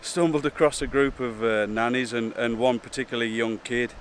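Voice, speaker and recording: A man chats to his camera in an informal, halting way. His voice sits at a medium pitch. He is outdoors on a breezy hillside beside rushing water, with faint wind and water noise around him. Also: fairly even intonation. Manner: informal, hesitant and chatty. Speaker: wildlife photography vlogger. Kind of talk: casual vlog to camera.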